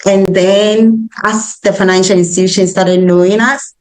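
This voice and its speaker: A woman's voice: mid-range voice, steady tone, normal speed, a little mellow, low-quality recording. A woman with a West African, Ghanaian accent, answering interview questions earnestly and emphatically, often checking in with "right?". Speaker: school founder, interview guest.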